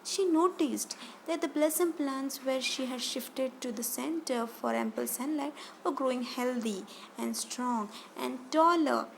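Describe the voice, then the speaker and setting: A woman with an Indian English accent retells a class story in a high, gravelly voice. She is expressive and keeps rephrasing lines as she explains. Faint background noise sits under her. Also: a little slow, hardly any pauses, poor audio. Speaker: teacher.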